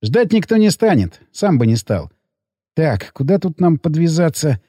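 A man narrating an audiobook in a gruff, coarse first-person voice. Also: fairly high pitch, sing-song, moderate pace, warm tone, no echo.

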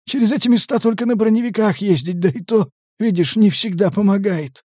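A man voicing a husky, ironic mercenary medic who muses philosophically. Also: high-pitched, brisk, a little mellow, dry recording, studio quality, voice pushed up. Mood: musing ironic. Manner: musing, ironic.

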